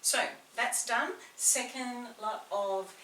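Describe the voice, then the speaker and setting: On the high side and slow, a woman's pushed, bright voice comes through with slight background noise. She guides a beginner workout as a personal trainer with a slight New Zealand accent, chatty, encouraging, and talking plenty. The distant mic in a small indoor room brings roomy echo and faint ambience.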